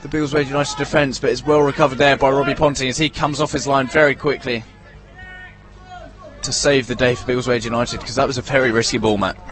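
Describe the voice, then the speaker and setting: A man's voice: mid-range voice, little pitch movement, quick pace. A man commentating live on a football match from an outdoor ground. He talks in a chatty, running way and often corrects himself when he gets player names wrong.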